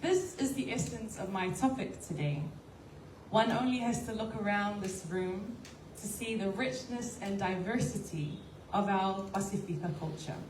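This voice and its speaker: A woman's voice: medium pitch, normal speed, darkish tone. A woman from Samoa delivering a formal, poised and ceremonial prepared speech as a pageant contestant. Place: indoor event hall on a stage. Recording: echoey hall, distant mic, faint noise.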